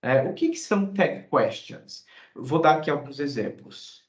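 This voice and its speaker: A Brazilian man with a Brazilian Portuguese accent walks through a grammar lesson and keeps checking in with his students. He acts out little dialogues, saying the English lines slowly. His voice sounds roomy and a little muffled. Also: fairly high pitch, expressive. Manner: explains step by step, often checking with "né?" and "ok?"; acts out short example dialogues, reading English phrases slowly. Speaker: English teacher.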